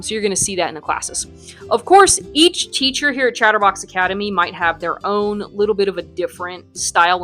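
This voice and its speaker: Answering interview questions, a young adult woman from the United States talks in a lowish, slightly bright voice, peppering her chatty replies with ums and likes. She teaches Spanish and runs her own academy.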